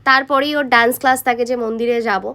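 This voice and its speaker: Young mother vlogger, high voice, chatty direct-to-viewer narration. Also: fairly even intonation, fast talker, pushed and bright, clean tone. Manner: chatty, talks straight to viewers. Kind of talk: casual vlog narration.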